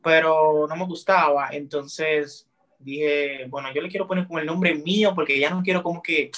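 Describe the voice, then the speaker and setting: Young Dominican male guest, friendly and easygoing, a touch high in pitch, heard through a video call. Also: moderate pace. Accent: Dominican Spanish. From Dominican Republic. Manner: friendly, relaxed, chatty. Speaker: guest TikToker. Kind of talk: casual interview on a video call. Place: small room indoors.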